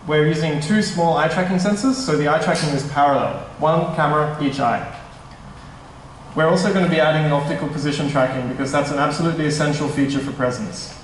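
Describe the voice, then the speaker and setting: A young man talks a meetup crowd through his product in a casual, slightly nervous way, often correcting himself mid-sentence. His voice sits a little high for a man. The sound is distant and washed in heavy hall echo, with faint room noise behind. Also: fast talker. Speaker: tech startup presenter. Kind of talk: conference presentation. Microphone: stand mic at a distance. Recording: echoey hall, mic at a distance.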